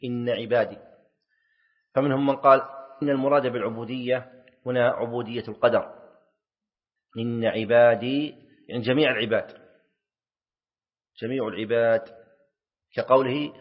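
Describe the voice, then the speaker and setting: A man teaching a class in a steady mid-range voice. He quizzes his listeners and repeats key phrases. The recording is dull and lo-fi. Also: medium pitch, normal speed, long pauses. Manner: asks the class questions and answers them himself, repeats key phrases. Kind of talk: classroom lecture.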